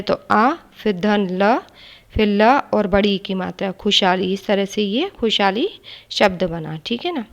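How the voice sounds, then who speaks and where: A woman teaching a children's grammar lesson, patiently spelling out words letter by letter and often adding a quick check-in question. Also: mid-range voice, gravelly. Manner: often adds tag questions.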